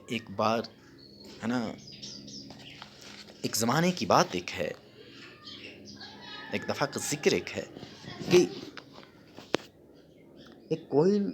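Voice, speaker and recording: A man's voice: mid-range voice, a little hiss or hum. Man teaching a children's reading lesson. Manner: reads English slowly word by word, then explains in Urdu with many "hai na" tags.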